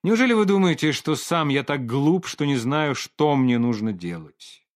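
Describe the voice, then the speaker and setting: A moody, irritable painter who snaps and groans in a storybook reading, as a male narrator plays him. His speech is exasperated and tense, with wide swings in pitch. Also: big pitch swings, measured pace. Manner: exasperated, through clenched teeth.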